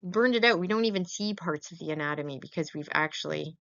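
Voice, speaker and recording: A woman with a lowish, gravelly but fairly bright voice teaches veterinary radiography at a fast clip. Conversational and informal, she checks in often with short questions to her students, heard through a dull, lo-fi voice-over recording.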